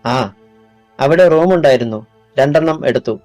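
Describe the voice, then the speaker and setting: A man voicing a weary middle-aged father on the run, talking low and tired, gentle with his son. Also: a little slow, dry recording, faint music behind, close to an everyday voice.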